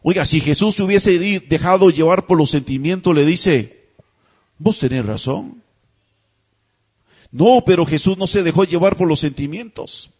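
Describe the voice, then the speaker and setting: High-voiced preacher. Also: male voice, normal speed, a little mellow, husky, muffled recording. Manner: calls the congregation to repeat phrases; conversational, asks rhetorical questions. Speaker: pastor. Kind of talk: sermon.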